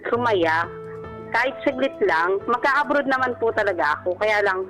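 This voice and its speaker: Heard over a radio broadcast's music bed, a Filipino woman in her thirties calls in and shares a personal story conversationally, respectfully, and with many polite particles. She speaks at normal speed in a fairly high, fairly bright voice with lively intonation.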